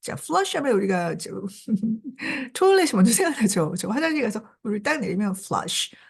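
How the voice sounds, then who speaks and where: A woman's voice: a little high, normal speed, gravelly, slightly rough. A woman teaching English, reading a novel aloud and explaining it in Korean. She keeps the class along with small prompts as she goes. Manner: lively, repeats prompts such as "자" and "그죠?".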